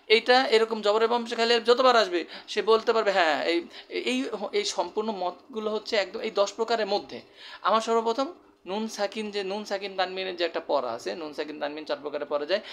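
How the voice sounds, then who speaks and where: A Bangladeshi man gives a spoken lesson on the rules of Quran recitation, explaining patiently, repeating terms, and using lots of fillers. His voice is high and a bit bright, with vocal fry.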